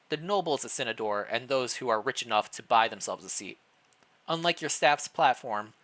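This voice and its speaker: A streamer with a medium-pitched, pushed and bright voice reads fan fiction aloud expressively, mixing in casual chat. He stumbles over words as he reads and pokes fun at himself.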